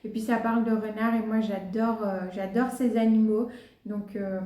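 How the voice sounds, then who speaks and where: A woman's voice: medium pitch, steady tone, moderate pace, dark tone. A woman in her thirties or forties chatting casually through a book haul, with many hesitant fillers. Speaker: book vlogger. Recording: roomy echo.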